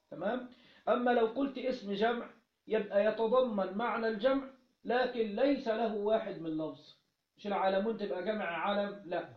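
A man with an Egyptian accent teaching a religious text, asking questions and then answering them himself, often repeating key phrases. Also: high voice. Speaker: teacher of Islamic jurisprudence. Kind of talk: religious lesson, explaining a text. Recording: roomy, dull lo-fi recording.

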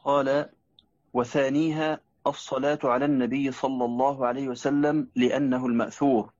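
A man reading a classical religious text aloud to his teacher in a measured, formal recitation. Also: mid-range voice, level tone, a little mellow, no room sound. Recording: muffled lo-fi recording.

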